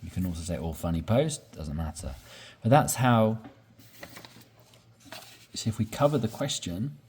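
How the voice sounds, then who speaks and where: A man teaching English, slowly explaining sentence patterns and repeating examples with patience. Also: on the low side, big pitch swings, darkish tone, slight background noise. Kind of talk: slow explanatory lesson.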